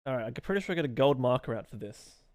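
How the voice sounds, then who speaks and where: A man's voice: mid-range voice, expressive, racing, darkish tone, no room sound, studio quality. A young man live streaming while he draws, chatting loosely with viewers and reading out and answering their messages in a rambling way.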